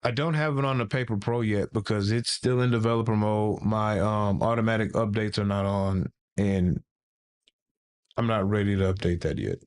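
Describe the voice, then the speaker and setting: A man hosts a relaxed tech livestream with a somewhat low voice. He rambles, jokes and circles back mid-sentence as he talks. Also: moderate pace, clear, resonant tone. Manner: rambling and playful, with many restarts. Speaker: livestream host. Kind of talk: casual livestream chat.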